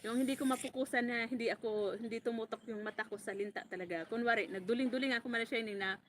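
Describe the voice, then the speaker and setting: A woman from the Bicol countryside runs a farm vlog and tells a story as if to a friend. She is animated and laughs often, and her voice sits a little high. A faint hiss of noise runs under the recording. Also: quick pace. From Bicol, Philippines. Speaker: farm vlogger.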